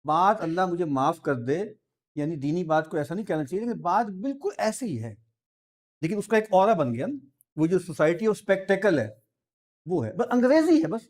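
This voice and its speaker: A man giving an informal, discursive lecture, with asides and soft laughs, and reading verse slowly. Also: sits high. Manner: reads verse slowly and drawn out.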